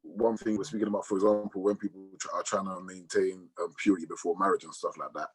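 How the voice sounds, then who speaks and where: A man's voice: low voice, little pitch movement, fast. Young man, podcast co-host, laughing, storytelling, casual. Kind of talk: casual chat.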